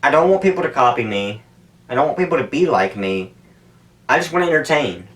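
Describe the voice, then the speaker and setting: A man vlogs in a casual, meandering way, speaking candidly and with some swearing. His pitch is medium, and he is picked up from a distance, as if by a camera set away from him. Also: lively intonation, fairly quick, a bit bright. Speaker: YouTuber making stunt videos. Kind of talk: casual rambling talk to camera. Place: indoors at home, sitting in an ice bath. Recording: distant, off-mic camera audio.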